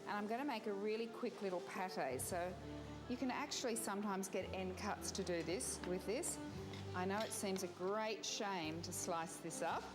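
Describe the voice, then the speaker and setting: A woman in her forties with an Australian accent, hosting a cooking segment in an informal way. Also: medium pitch. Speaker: cooking show host. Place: small room with metal-lined walls. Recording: music behind the voice.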